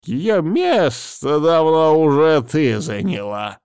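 A man voicing an irritable old male healer who shouts and drags out his words. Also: fairly high pitch, sing-song, clear, resonant tone, no room sound, studio quality, voice pushed up, exaggerated voice. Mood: furious. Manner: shouting, strained and drawn-out.

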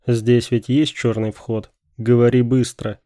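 A man voicing a rough armed gangster who speaks brusquely and threateningly. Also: mid-range voice, moderate pace, warm tone, no room sound, clean studio sound, close to an everyday voice.

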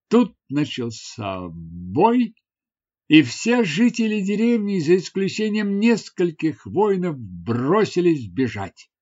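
A male narrator reads a first-person adventure story dramatically and unhurriedly. His slightly high voice swings widely in pitch. The recording has a dull, lo-fi sound. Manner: dramatic, expressive reading. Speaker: audiobook narrator.

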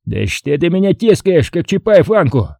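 A man playing a drunk brawling army officer, loud and cocky. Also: on the high side, sing-song, moderate pace, dry recording, studio quality, pitched above the performer's own voice. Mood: taunting. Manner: boisterous drunken bluster.

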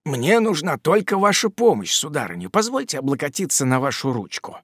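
A man voicing a sentimental, lightly wounded young gentleman courting a lady, speaking softly and tenderly. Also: on the high side, very animated, a little fast, husky, no echo, studio quality, exaggerated voice. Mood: pleading. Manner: soft, tender and pleading. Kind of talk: audiobook character voice.

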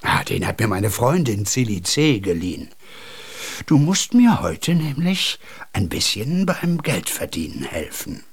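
In a German radio play, a male actor portrays a whimsical, kindly junk collector with a raspy, exaggerated voice. His pitch is fairly low and his pace measured, and he sounds musing, animated and playful.

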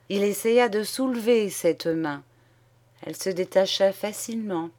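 Brief: woman reading a classic story, unhurried and deliberate. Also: medium pitch, darkish tone. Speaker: audiobook reader. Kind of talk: literary narration.

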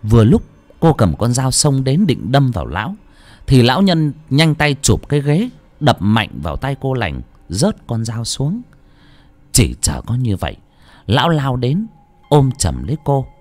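A man narrating a story, with a dramatic, expressive reading. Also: mid-range voice, unhurried, no room sound. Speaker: audiobook narrator.

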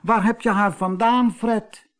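A man's voice: high-pitched, steady tone, measured pace, fairly bright tone, pitched above the performer's own voice. Man doing a fretful worrying housewife. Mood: worried. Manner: fretful, worried. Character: anxious worrying housewife and mother, middle-aged.

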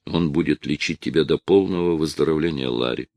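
A man's voice: very deep voice, dry recording, voice pushed down. A man voicing a weary, firm police father. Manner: quiet, firm and measured.

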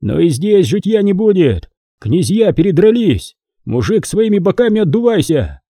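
A male narrator voicing a boastful, gruff former outlaw who shouts down nobles and rouses peasants in an audiobook. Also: high voice, very animated, normal speed, no echo, studio quality, voice pushed up, exaggerated voice. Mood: rousing. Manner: blustering, shouting and mocking.

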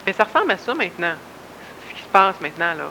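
A man asking quick, prompting questions in conversation. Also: sits high, very animated, pushed and bright, long reverb tail, a little hiss or hum, low-quality recording.

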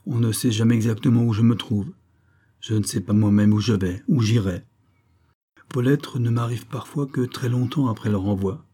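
A man's voice: mid-range voice, moderate pace, mellow, lightly acted. A man voicing a scheming villainous count who feigns emotion in theatrical exclamations, read in an audiobook.

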